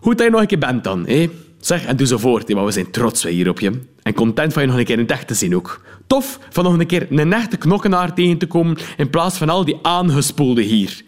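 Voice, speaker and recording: A man's voice: on the high side, big pitch swings, brisk, pitched above the performer's own voice. A man voicing a friendly, hearty middle-aged policeman with a Flemish accent. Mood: jovial. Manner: jovial, chummy.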